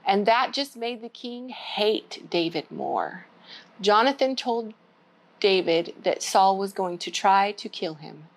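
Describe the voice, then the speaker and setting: At a church storytime, a woman reads a storybook aloud to young children, using simple language and addressing them directly. Her medium-pitched voice is expressive and slow, though the audio quality is poor.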